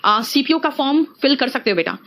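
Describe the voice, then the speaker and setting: Young indian woman teacher, high voice, brisk grammar class for exam prep. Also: lively intonation, a bit bright. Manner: explains briskly, addressing students as beta. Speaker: English teacher for competitive exams. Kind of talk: online exam-prep lecture.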